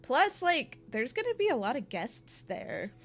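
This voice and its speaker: A woman's voice: sits high, sing-song, a little slow, fairly bright tone, faint music behind. A young woman streaming and chatting casually with her viewers, full of slang and filler words.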